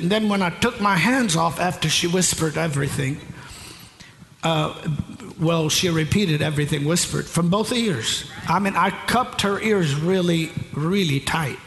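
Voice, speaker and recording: Male preacher, high bright voice, slow and deliberate, rising to shouted call-outs; long hall reverb. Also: gravelly, slight background noise. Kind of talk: charismatic sermon. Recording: long hall reverb with faint room ambience.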